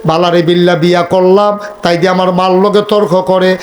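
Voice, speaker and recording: High-voiced man telling a comic sermon. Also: flat delivery, a little fast, soft background music. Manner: storytelling with acted dialogue, bursts into high shouting. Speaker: preacher. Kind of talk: humorous village sermon.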